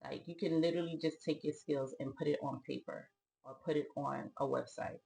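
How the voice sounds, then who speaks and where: A woman with a Haitian Brooklyn accent co-hosts a business channel, enthusiastically explaining business ideas in a casual chat. Her low, gravelly voice moves a little fast and is so animated she seems to talk with her hands. The audio quality is poor.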